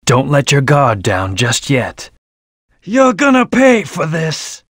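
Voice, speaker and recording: An actor playing a brooding, cocky hedgehog antihero in a video game, speaking in a terse, stern, commanding manner. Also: male voice, on the high side, wildly swooping pitch, slow, a bit bright, no room sound, clean studio sound, exaggerated voice. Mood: scornful, confident, then urgent, defiant. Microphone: close, dry studio recording.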